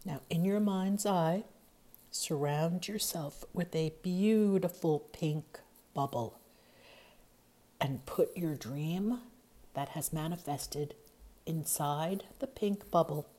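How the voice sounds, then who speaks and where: A woman narrating a scripted guided meditation in a soothing, hypnotic, measured way, softening into breathiness at the ends of phrases. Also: low voice. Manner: soothing, measured, hypnotic delivery with long pauses.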